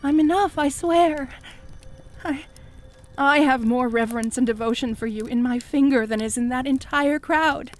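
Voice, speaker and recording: Woman playing a high-voiced, obsessive cult priestess. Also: normal speed, lightly acted. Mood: fervent, insistent. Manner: fawning, pleading, stammering devotion. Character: obsessive fanatical female cult high priestess, fawning, jealous, unhinged. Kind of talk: scripted audio role-play addressed to the listener.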